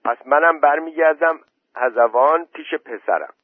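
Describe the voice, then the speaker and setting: A man's voice: on the high side, no echo, voice pushed up, close to an everyday voice. A man voicing an elderly village aunt who scolds and insists, recorded dry through a phone-like line. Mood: scolding. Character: elderly village woman, sharp-tongued aunt.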